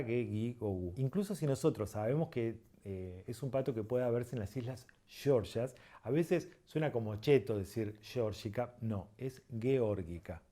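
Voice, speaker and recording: A man teaching a lesson, explaining step by step, repeating examples slowly and checking in with the listener. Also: mid-range voice, dark tone. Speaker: birding instructor.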